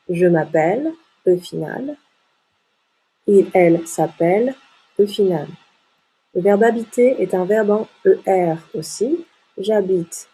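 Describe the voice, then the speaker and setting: A woman teaching a French lesson, repeating words slowly and distinctly to model their pronunciation. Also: mid-range voice, mellow, breathy edge, poor audio. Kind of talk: slow, clearly articulated lesson for learners.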